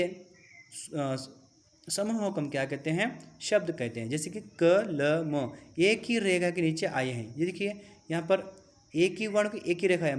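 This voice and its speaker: Hindi teacher reciting letters aloud. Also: male voice, on the high side. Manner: explains step by step, asks and answers his own questions. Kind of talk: classroom lesson on the alphabet.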